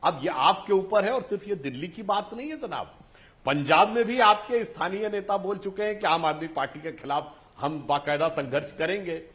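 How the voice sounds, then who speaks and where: A man speaking as a party spokesperson in a televised debate, measured and didactic, dramatizing quoted phrases to make his point. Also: sits high, a bit bright.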